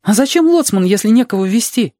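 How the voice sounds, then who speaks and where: A reader voicing Reshka, an eager, anxious boy guide, in a high, pleading, restless voice in an audiobook. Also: animated, fairly quick, dark tone, no echo, studio quality, close to an everyday voice. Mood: earnest. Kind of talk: audiobook reading.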